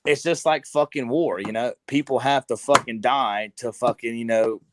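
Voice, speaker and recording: A man's voice: mid-range voice, moderate pace, background noise. A man in his twenties on a podcast, rambling in casual chat, full of fillers and cursing. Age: 20s. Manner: rambling, heavy with fillers and swearing.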